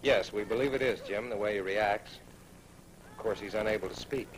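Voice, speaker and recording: An actor playing a calm, reassuring male doctor in a 1960s family film. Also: lowish voice, moderate pace, background noise, natural voice. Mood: soothing.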